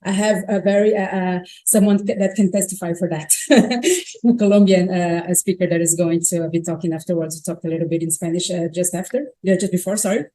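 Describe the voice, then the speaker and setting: Delivering a conference talk on stage, a Brazilian woman whose native language is Portuguese chats casually, self-correcting and restarting often. She speaks a little fast, her voice fairly low in pitch and warm in tone.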